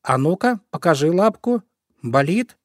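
A man voicing a clever, bossy small male animal in a storybook, giving orders briskly. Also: fairly high pitch, very animated, dry recording, clean studio sound, pitched above the performer's own voice. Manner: brisk, commanding.

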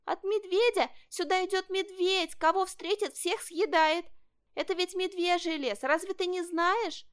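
A woman voicing a breathless, panicky little fox cub in a storybook reading, talking in hurried, alarmed bursts. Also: very high voice, fairly even intonation, a bit bright, pitched above the performer's own voice. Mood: panicked.

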